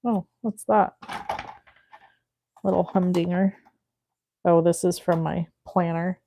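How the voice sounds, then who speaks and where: A woman's voice: fairly low pitch, fairly even intonation, slow pace, warm tone, a little hiss or hum. A woman in her forties hosting a live crafting stream, chatting casually with viewers and thinking aloud as she works. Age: 40s. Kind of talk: casual chat while crafting.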